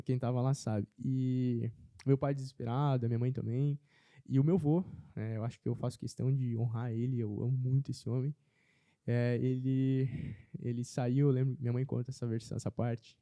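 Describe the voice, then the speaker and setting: A man telling a personal faith testimony as a podcast guest in casual chat, earnest and animated. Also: medium pitch, dry recording.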